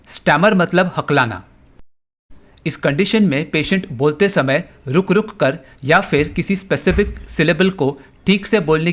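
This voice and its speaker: A man teaching homeopathy, reading out each term slowly and deliberately before he explains it. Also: fairly high pitch, a bit bright. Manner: reads terms out slowly and deliberately. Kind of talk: slow explanatory lecture.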